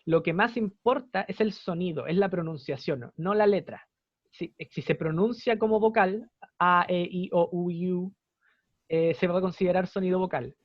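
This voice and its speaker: A man's voice: high voice, normal speed, dry recording, lo-fi sound. A young man with a Chilean Spanish accent, patiently explaining English grammar to students in an online class and repeating his examples. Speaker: English teacher.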